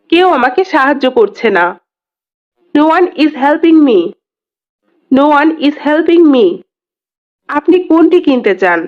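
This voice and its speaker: A woman leads a language drill, saying each phrase and then repeating it at a very slow, deliberate pace. Her voice sits high, and the recording is muffled and lo-fi. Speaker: English teacher. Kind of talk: sentence drill, Bengali then English repeated slowly.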